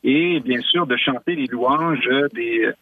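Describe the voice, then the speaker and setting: Québécois analyst on a tinny phone line. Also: male voice, medium pitch, slow, breathy edge, no room sound. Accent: Québécois French. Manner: hesitant, many fillers, animated. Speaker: political analyst guest. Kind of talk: radio talk show conversation.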